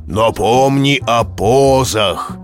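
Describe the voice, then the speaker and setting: A man's voice: medium pitch, extremely slow, soft background music. A man voicing a friendly, knowing talking globe who guides travels in a children's cartoon, with playful, teasing explanations. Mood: sly, encouraging. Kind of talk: animated children's cartoon dialogue.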